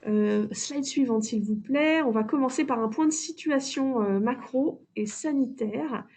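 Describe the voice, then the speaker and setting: Higher-voiced woman speaking through a face mask. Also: measured pace, a little mellow, breathy edge. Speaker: trade office presenter. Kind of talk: webinar presentation.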